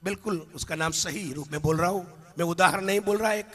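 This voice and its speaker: High, bright-voiced preacher in a hall. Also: male voice, fast talker, slightly rough. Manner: impassioned, builds to shouted climaxes; storytelling with anecdotes. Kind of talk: sermon. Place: large hall with a live congregation. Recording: long reverb of a big hall.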